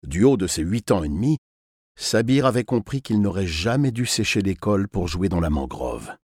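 Low husky-voiced male storyteller. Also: moderate pace, no echo, studio quality. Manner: expressive, tense storytelling. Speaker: narrator. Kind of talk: dramatic audiobook narration.

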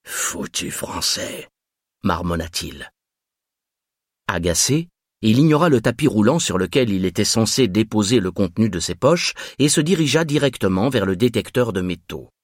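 A man reading a thriller aloud as narrator, with measured, expressive storytelling. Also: fairly low pitch, dry recording, clean studio sound.

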